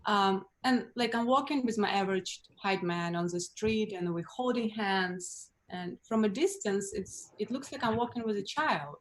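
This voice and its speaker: A woman from Russia with a Russian accent, doing a stand-up set over a video call in a deadpan, blunt way, laughing at her own jokes. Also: mid-range voice, normal speed, few pauses. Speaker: stand-up comedian.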